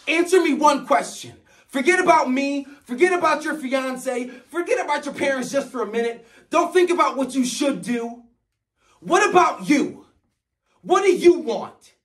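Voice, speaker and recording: A man's voice: very high voice, fairly bright tone. A middle-aged man performing a dramatic monologue as an impassioned, pleading lover in anguish. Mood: urgent, demanding. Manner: intense, impassioned, emphatic pleading. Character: anguished, pleading male lover confronting the woman he loves. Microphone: camera a few metres away. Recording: distant mic, roomy camera pickup.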